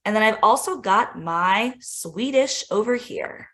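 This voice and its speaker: A woman coaching teachers demos software over screen-share, friendly and informal, her medium-pitched voice expressive and upbeat. Her pace is measured, and "like" and "right?" pop up constantly as she clicks through.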